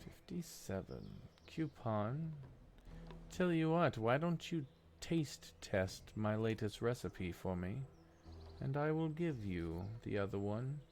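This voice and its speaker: A man voicing a creepy, overly polite male shopkeeper with a taste for flesh, speaking slowly and curiously. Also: medium pitch, animated, a little mellow, faint music behind. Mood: sly salesman. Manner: slow, curious, oddly polite. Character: creepy soft-spoken male shopkeeper who eats people.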